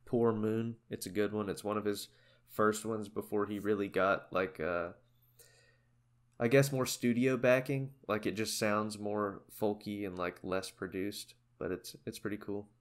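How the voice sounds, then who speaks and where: Young man, podcast co-host, casual rambling chat, lowish voice. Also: a little slow. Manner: rambling, relaxed, many fillers.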